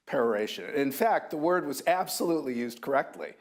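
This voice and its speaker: A man in his sixties, an author at a university book talk, reminiscing thoughtfully with halting restarts. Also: medium pitch, lively intonation. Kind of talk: reflective anecdotal talk.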